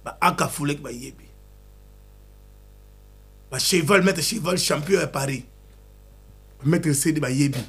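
Gravelly, husky man in lively chat. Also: a little high, unhurried, long pauses. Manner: excitable, animated, mixing Lingala and French. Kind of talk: casual chat.

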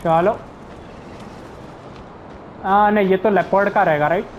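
A man giving casual gameplay commentary, relaxed and mixing in English words, chuckling at the game. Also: high voice, slow pace, slight background noise, rough recording. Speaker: gamer, channel host.

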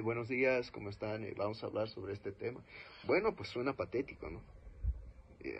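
A husky young man gives a class presentation on public speaking, his voice swinging widely as he demonstrates. The recording is dull and lo-fi. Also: on the high side. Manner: lively, demonstrates tones of voice. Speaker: student presenter.

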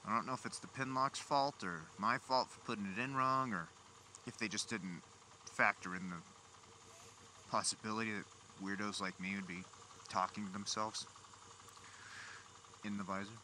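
A man's voice: on the low side, normal speed, long pauses, sharp tone. A man vlogging casually from inside a motorcycle helmet as he rides, with wry, grumbling asides to himself. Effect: voice enclosed inside a motorcycle helmet. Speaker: motovlogger. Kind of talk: casual chat, muttering to himself while riding. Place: riding a motorcycle outdoors on city streets at night. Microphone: small mic inside helmet, recorder. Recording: engine and traffic noise, helmet-mounted mic.

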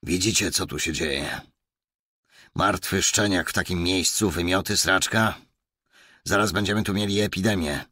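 A man voicing a gruff, hardened middle-aged male police inspector who talks curtly and barks orders. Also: low-pitched, normal speed, bright, forceful tone, dry recording, studio quality, pitched above the performer's own voice. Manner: curt, barking orders.

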